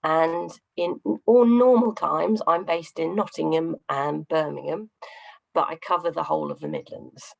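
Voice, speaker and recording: Female panel speaker, deep-pitched, hoarse and croaky with a gravelly fry. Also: measured pace, rough recording. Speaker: arts funding relationship manager. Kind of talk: spoken self-introduction at a panel.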